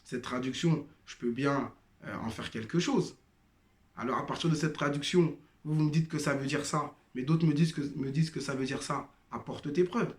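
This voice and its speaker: With a fairly high voice at a moderate pace, a man recounts his testimony as a former member in a roomy-sounding space. He addresses the audience as brothers and sisters, hesitating often with fillers and false starts, and his first language isn't Arabic.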